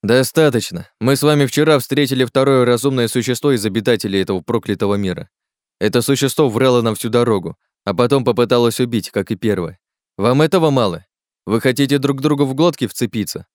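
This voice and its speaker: A man's voice: fairly low pitch, a little fast, a little mellow, dry recording, studio quality, close to an everyday voice. A man voicing a firm leader lecturing his group in an audiobook. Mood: stern. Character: commanding male leader keeping order. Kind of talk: audiobook character voice.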